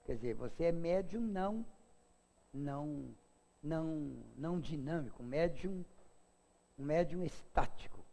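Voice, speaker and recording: A man's voice: animated, measured pace, vocal fry, pauses often, warm tone, in a large hall. Chatty older Brazilian man lecturing. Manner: chatty, humorous, asides to the audience; acts out quoted voices in a high pitch. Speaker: spiritist lecturer. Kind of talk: informal spiritist lecture.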